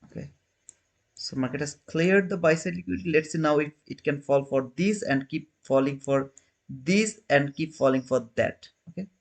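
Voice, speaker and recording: Speaking at a moderate pace in a fairly high voice, a man in his thirties chats casually with viewers on his trading livestream. He answers their comments in loose, non-native phrasing and frequently restarts.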